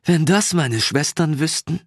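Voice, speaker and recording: A man voicing a proud, scornful dark elf woman in an audiobook, speaking in a haughty, disdainful manner. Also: mid-range voice, very animated, unhurried, husky, no echo, clean studio sound, pitched above the performer's own voice, exaggerated voice. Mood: amused. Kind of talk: audiobook character reading.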